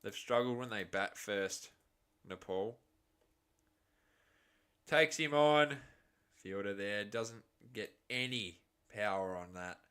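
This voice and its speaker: A man with an Australian accent giving a live cricket reaction commentary, shifting between excited calls and chatty asides. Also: lowish voice, measured pace, hardly any pauses, smooth.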